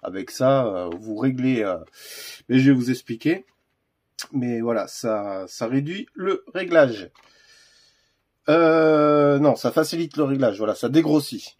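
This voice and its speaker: A man's voice: mid-range voice, animated, a little slow, darkish tone. A man hosting a casual unboxing video, talking hesitantly with lots of fillers and restarts. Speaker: gun accessory reviewer.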